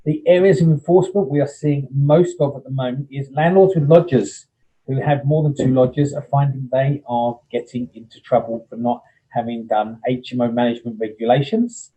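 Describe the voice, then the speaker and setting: A man's voice: mid-range voice, normal speed, dark tone, poor audio. A man giving a plain-spoken talk on landlord licensing rules, explaining with everyday comparisons and frequent ums.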